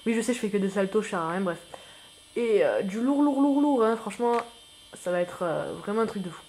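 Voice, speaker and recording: His pitch is high and his pace fairly quick, with a little hiss or hum on the audio. He's a new YouTuber narrating gameplay casually, rambling, teasing himself, using lots of slang, and erupting excitedly at what happens in the game.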